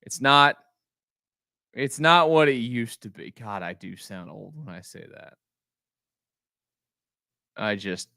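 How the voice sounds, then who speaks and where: A man's voice: on the low side, sharp tone, clean tone, no echo, clean studio sound. A middle-aged man hosting a post-game sports podcast, ranting in an exasperated, emphatic way and restarting his sentences often.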